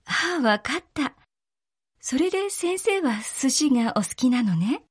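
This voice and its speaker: A woman voicing a young woman, a sushi shop daughter, speaking softly and fondly. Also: sits high, sing-song, measured pace.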